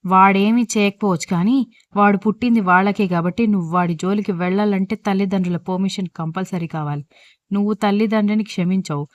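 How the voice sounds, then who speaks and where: A woman's voice: medium pitch, steady tone, fast, no echo, close to an everyday voice. A woman voicing a stern, angry older husband who scolds his wife bluntly, in a dull, dry recording. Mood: scolding.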